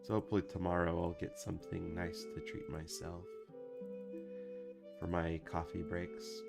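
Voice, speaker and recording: A man who animates and produces a channel chats casually on a stream, reading comments and rambling with lots of fillers and restarts while recovering from a week of sickness. His low, creaky voice is monotone at normal speed, heard over loud music.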